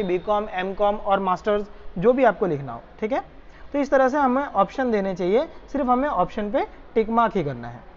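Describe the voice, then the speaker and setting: Woman tutor, muffled lo-fi lecture. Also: medium pitch. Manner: explains step by step, checks understanding with "is that clear". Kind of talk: exam solution lecture. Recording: muffled lo-fi recording.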